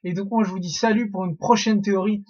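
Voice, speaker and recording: Young man, high voice, husky, rambling casual talk, filler-heavy, dull lo-fi recording. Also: steady tone, fast, darkish tone. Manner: rambling, many fillers and restarts. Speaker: YouTube theory host. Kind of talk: casual monologue to camera.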